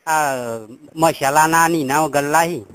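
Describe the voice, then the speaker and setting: A noisy phone-call recording with clicks captures a man with a rural Gujarati accent calling a helpline as a customer in a prank call. His fairly high voice is a bit bright, flat in delivery and measured in pace, and he rambles in a rustic, naively pushy manner.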